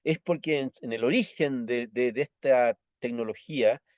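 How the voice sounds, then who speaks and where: A man with a Chilean Spanish accent teaching a lesson, patiently explaining and checking understanding with quick tag questions. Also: medium pitch, a little mellow, no echo, highs cut off. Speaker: Esperanto teacher.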